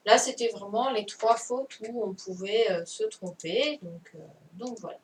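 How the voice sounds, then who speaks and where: A woman teacher speaks slowly and patiently through a dictation correction in an online class. She sits a little back from her computer mic, with a faint hiss behind her. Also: mid-range voice. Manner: patient, repeats and checks understanding. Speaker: primary school teacher. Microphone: computer mic on a video call. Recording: distant mic with faint noise.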